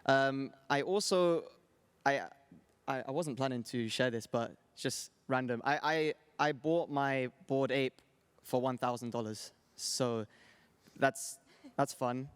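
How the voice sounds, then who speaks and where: A man's voice: mid-range voice, slow pace, clear, resonant tone. A man, a dancer speaking on a panel in a modest, hesitant way. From England. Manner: modest, hesitant, repeats words. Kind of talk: casual panel talk.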